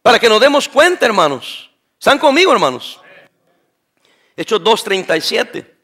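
Emphatic male pastor, middle-aged, high bright preaching voice, rhetorical questions. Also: sing-song, moderate pace. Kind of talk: sermon.

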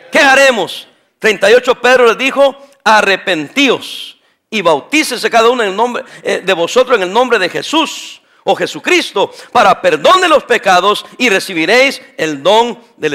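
High, bright-voiced emphatic preaching pastor. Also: male voice. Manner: emphatic preaching, rhetorical questions to the congregation. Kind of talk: sermon.

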